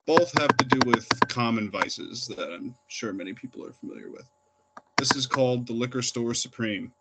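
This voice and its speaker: A man's voice: mid-range voice, fairly bright tone, slight background noise. A young man reading his own poems aloud at an open reading, plain and unpolished, with fillers between poems. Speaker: poet reading. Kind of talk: poetry reading.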